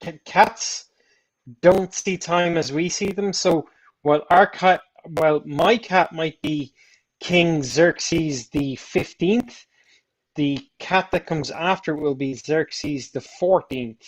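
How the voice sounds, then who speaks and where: A man's voice: a little high, slow, low-quality recording. A man chatting casually on a voice call, rambling and playful, laughing often. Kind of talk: casual chat.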